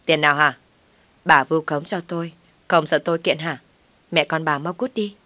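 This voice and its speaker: Brazen young con woman, loud and scornful, read by a woman narrator; low-pitched. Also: fairly even intonation, normal speed, dry recording.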